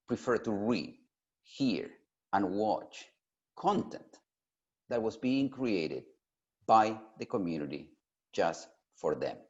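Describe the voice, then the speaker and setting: Male keynote speaker, lowish pitch with very lively swings, emphatic delivery, slightly dull lo-fi recording. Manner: emphatic, deliberate, with pauses for emphasis. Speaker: keynote speaker at an industry summit. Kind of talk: prepared keynote address. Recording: dull, lo-fi sound.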